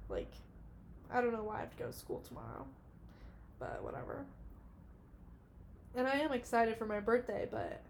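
With a medium-pitched, slightly mellow voice and slight background noise, a 20-something woman delivers a casual solo podcast monologue. She wanders from thought to thought emotionally, using "like" constantly.

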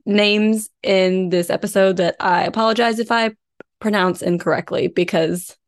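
A woman's voice: mid-range voice, steady tone, normal speed. A woman co-hosting a true crime podcast, telling the case in an informal, conversational way from researched notes. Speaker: podcast co-host. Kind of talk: true crime podcast, case narration mixed with casual chat.

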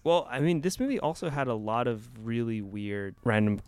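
A man's voice: medium pitch, expressive, normal speed, a little mellow, smooth. A man co-hosting a casual film review podcast, rambling along with lots of "like"s and restarts. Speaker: podcast co-host.

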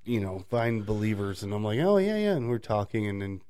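A man's voice: level tone, brisk, mellow, clean tone. A man co-hosting a casual chat, telling stories and often laughing as he talks. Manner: storytelling, mimics people in high voices; laughs often while talking.

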